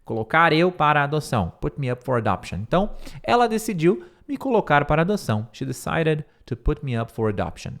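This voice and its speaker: Man teaching English, drilling words slowly. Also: a little high, very animated, creaky, fairly bright tone. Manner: switches between slow, careful English phrases and quick explanations; repeats words many times to drill pronunciation. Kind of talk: English lesson explaining a speech line by line.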